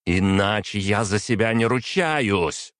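A man's voice: animated, takes it slowly, a bit bright, no echo, clean studio sound. A man voicing a fiery, defiant young princess who keeps raising her voice in scornful outbursts. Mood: furious. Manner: raised, shrill, scornful outbursts.

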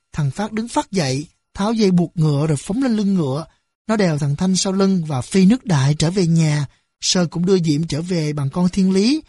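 Husky, dry storybook narrator. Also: medium pitch, mellow, no echo.

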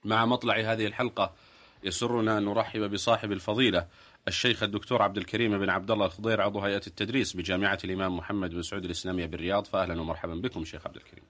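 Brisk, even-toned man presenting in formal Arabic. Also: fairly low pitch. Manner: formal, polished Standard Arabic delivery. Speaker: programme host. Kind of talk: formal broadcast introduction in Standard Arabic.

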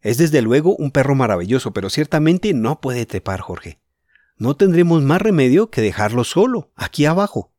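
A man's voice: mid-range voice, very animated, moderate pace, a little mellow, no room sound, studio quality, voice pushed up. A man voicing an eager teenage boy telling the others about a discovery, in a storybook reading. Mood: excited.

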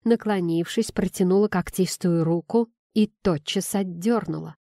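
A woman reading a first-person fantasy audiobook in an expressive storytelling manner. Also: on the low side, moderate pace, no room sound, clean studio sound. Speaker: audiobook narrator.

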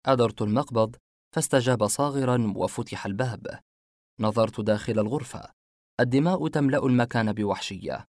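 A man narrating a horror mystery story in a measured, suspenseful reading. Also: medium pitch, darkish tone, dry recording, clean studio sound.

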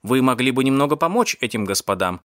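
Male reader doing a pitying kitchen maid, soft-hearted. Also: medium pitch, animated, fast, clear, resonant tone, no echo, studio quality, lightly acted. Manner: pitying, gushing.

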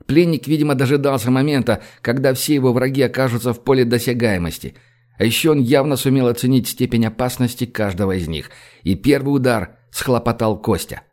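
A man reads an audiobook at a steady, measured pace. His voice sits in a middle register and shifts up or down when the characters speak. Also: medium pitch. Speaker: audiobook narrator.

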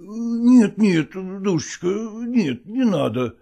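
A man reading an audiobook, voicing a middle-aged actor who pretends to be ill, groaning and slowly wheedling. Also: high voice, big pitch swings, gravelly, mellow, husky, voice pushed up, heavily acted. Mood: groaning evasive. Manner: groaning, drawn-out and slow, wheedling. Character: middle-aged male actor feigning illness, evasive.

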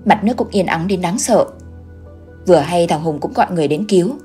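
A woman's voice: on the low side, animated, a little fast, faint music behind. A woman narrating a ghost story in a scripted storytelling style. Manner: voices the characters with raised, louder delivery.

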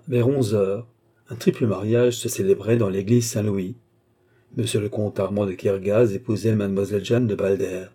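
A man narrating a novel as an audiobook, reading in a measured, dramatic way. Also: on the low side, mellow, slightly rough.

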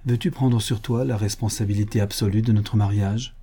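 Storybook role: male reader playing a fearful young fiancée, trembling, hushed pleas, dark tone. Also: on the low side, fairly even intonation, moderate pace, husky. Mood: pleading anguish. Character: anguished young woman bride, fearful and torn.

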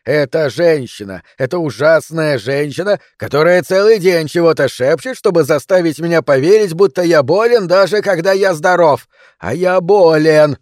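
A man voicing a cranky middle-aged hypochondriac in bed who rants loudly and drags out his words. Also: on the high side, animated, no room sound, studio quality, close to an everyday voice. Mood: ranting. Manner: shouting, indignant, drawn-out emphasis.

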